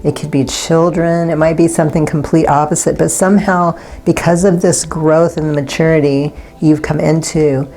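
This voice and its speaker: A woman with a low, steady tone offers a pick-a-card tarot reading, her manner soft, unhurried, and gently reassuring. Not having talked all day has left her slightly raspy, and she frequently pauses while searching for words.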